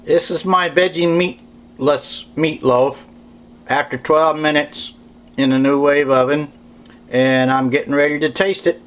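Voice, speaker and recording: A man's voice: fairly high pitch, fairly even intonation, unhurried, slight background noise, low-quality recording. A man doing a casual home cooking demonstration in his kitchen, plainspoken and correcting himself as he goes.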